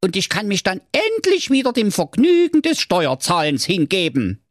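A man's voice: sits high, huge pitch swings, moderate pace, no room sound, studio quality, pitched above the performer's own voice. A man voicing a pompous little fat sausage king who bosses and insults people in a storybook tale. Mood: bossy, gleeful. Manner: brash, bossy, insulting.

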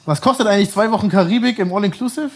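A man's voice: sits high, rapid-fire, husky. Rambling man telling stories. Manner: rambling, laughs often, self-corrects. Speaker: guest. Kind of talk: casual storytelling.

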